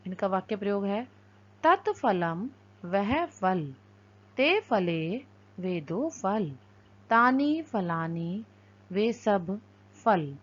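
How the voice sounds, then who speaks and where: Slow, careful woman teacher, lo-fi. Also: medium pitch, expressive. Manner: slow, careful and deliberate, spelling out sounds one by one. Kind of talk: recorded classroom lesson. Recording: dull lo-fi recording.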